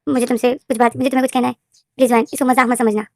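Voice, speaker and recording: A woman's voice: on the high side, little pitch movement, racing, dry recording, studio quality, natural voice. A woman voicing a flustered, indignant young male teacher who protests in shock, in a plainly read story. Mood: worried.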